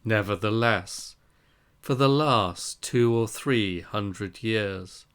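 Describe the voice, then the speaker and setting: A man reading a translated Buddhist scripture aloud in measured, deliberate phrases. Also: fairly low pitch, a bit bright, smooth. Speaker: reader of a Zen Buddhist text.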